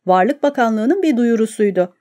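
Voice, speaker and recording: Mellow-voiced woman narrating an audiobook. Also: a little high. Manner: measured, even storytelling. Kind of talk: scripted narration.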